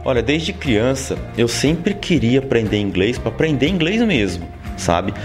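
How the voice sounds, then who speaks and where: Speaking a little slowly in a mid-range voice, this forties-aged Brazilian man from interior São Paulo chats casually as a studio interview guest, spinning animated stories full of "sabe?" tags. Faint music plays, and the interviewer holds the mic.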